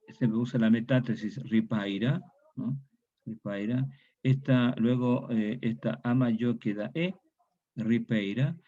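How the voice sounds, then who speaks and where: A man's voice: medium pitch, mellow. A man teaching a class on historical grammar, repeating each key word and often tagging his statements with a question. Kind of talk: online lecture on historical grammar. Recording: dull lo-fi recording.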